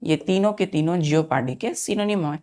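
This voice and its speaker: A woman teaching a vocabulary lesson, spelling words out letter by letter and often asking the students if it is clear. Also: deep voice, a little fast, dark tone.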